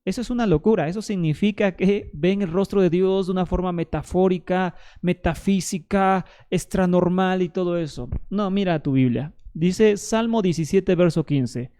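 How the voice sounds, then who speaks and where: A man's voice: high voice, normal speed, few pauses, mellow. A man presenting a Bible history lesson straight to the viewer, emphatic, arguing with the objections he imagines the listener raising. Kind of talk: direct-to-camera teaching monologue.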